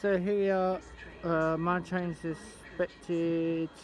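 A young man vlogging on a railway platform, talking in a halting, rambling way with many restarts, into a phone held at arm's length. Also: high voice, level tone. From England. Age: young adult. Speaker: trainspotting vlogger. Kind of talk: casual handheld vlog. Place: outdoor railway station platform.

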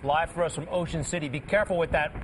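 Fairly high-voiced male news anchor, noisy feed. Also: fast talker. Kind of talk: live interview with field reporter.

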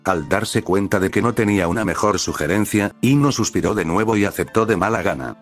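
A man narrating a fanfiction story aloud in a steady storytelling delivery. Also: fairly low pitch, a little fast, faint music behind.

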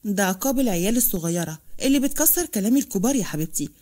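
A woman's voice: mid-range voice, lively intonation, rapid-fire, lightly acted. A woman voicing a strict older father who speaks sharply, in an Egyptian Arabic accent. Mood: stern. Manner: sharp, commanding.

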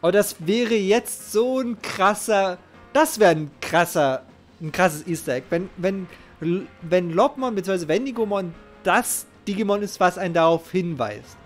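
Measured in pace, the voice sits high and expressive: a middle-aged man giving live, casual game commentary. He's emphatic and emotionally involved, repeating things he says. Game music plays while he talks into a close headset microphone from his streaming setup at home.

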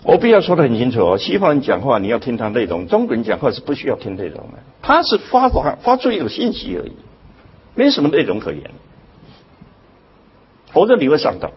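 Older male lecturer, husky voice, lively swooping pitch, dull lo-fi recording, emphatic and questioning. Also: fast talker. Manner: emphatic, rhetorical questions, sudden jumps in pitch. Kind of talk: public lecture.

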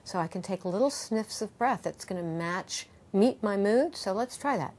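A middle-aged woman yoga teacher speaking earnestly in an interview, walking listeners through a calming breath exercise. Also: mid-range voice, moderate pace. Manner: earnest and animated, acting out panicked voices. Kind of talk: interview answer with guided breathing demonstration.

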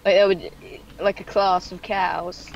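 A young woman chatting excitably as she hosts a casual gameplay let's play. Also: on the low side, slow pace, gravelly, a little hiss or hum. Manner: chatty, excitable, sing-song chanting. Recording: dull lo-fi mic.

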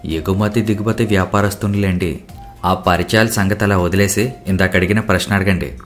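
A man's voice: low voice, fairly even intonation, moderate pace, soft background music, close to an everyday voice. Man voicing a teasing young businessman. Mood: playful. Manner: joking, playful.

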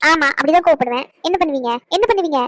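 A woman playing a quick-tempered wife who scolds her husband in a comedy skit. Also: high voice, close to an everyday voice. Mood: scolding. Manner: scolding, indignant, rapid-fire.

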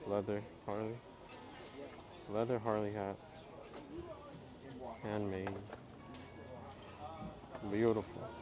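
A man's voice: on the low side, slow pace, pauses often, over music. A man casually narrating as he browses stalls at an outdoor flea market, chatting about vintage finds. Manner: relaxed, chatty running commentary while browsing. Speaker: vlogger.

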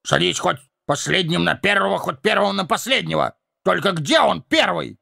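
A man voicing quarrelsome brutish trolls in an audiobook, snapping at each other in a raspy voice. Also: high-pitched, expressive, normal speed, sharp tone, no room sound, clean studio sound, pitched above the performer's own voice, exaggerated voice. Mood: squabbling. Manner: bickering, snapping retorts. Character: quarrelsome brutish male trolls, loud and dim.

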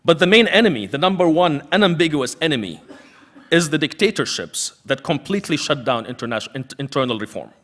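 A man's voice: fairly high pitch, big pitch swings, fairly quick. Man giving an emphatic lecture. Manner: emphatic, rhetorical repetition. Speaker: panel speaker, activist. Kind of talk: prepared lecture speech.

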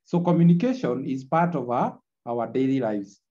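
A man lecturing online is picked up in a screen recording of the video call, and the audio sounds dull. His medium-pitched voice is mellow and moves at normal speed, and he repeats himself often, checking in with "eh?".

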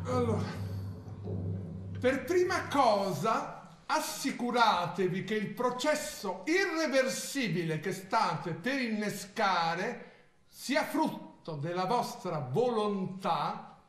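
A man's voice: high-pitched, sing-song, takes it slowly, a bit bright, exaggerated voice. An actor on stage playing a vain, fussy, melodramatic man, theatrical and prissy, prone to sudden outbursts. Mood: solemn. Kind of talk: live stage monologue. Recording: echoey theatre with audience laughter. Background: audience laughing.

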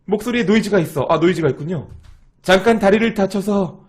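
A man's voice: high voice, brisk. A man streaming a game live, chatting and thanking viewers in a sing-song way, teasing and joking as he plays. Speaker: internet streamer. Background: game music.

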